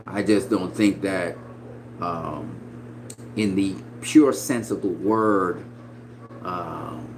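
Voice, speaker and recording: A man in his forties giving casual, profane boxing opinions, swinging between loud emphatic bursts and quiet asides. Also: sits low, very slow, long pauses, a little hiss or hum, rough recording. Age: 40s. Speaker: boxing commentator.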